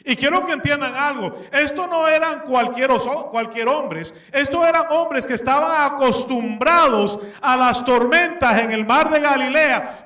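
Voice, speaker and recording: Male preacher, very high and bright, animated and questioning, distant mic in a roomy church hall. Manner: slips English words into his speech. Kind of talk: sermon. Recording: echoey room, distant mic.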